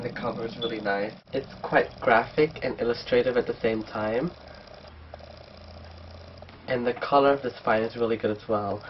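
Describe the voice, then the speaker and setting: Sick and stuffed up, this man talks his way through a book haul vlog in a relaxed, nasal mid-range voice. The sound comes from a far-off, muffled camera mic, with a bit of noise behind him.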